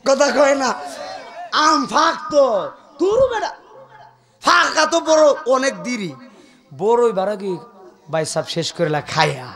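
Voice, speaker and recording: A man with a Sylheti Bengali accent preaching a sermon, swinging between shouts, chanting and joking asides. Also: very high-pitched. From Bangladesh.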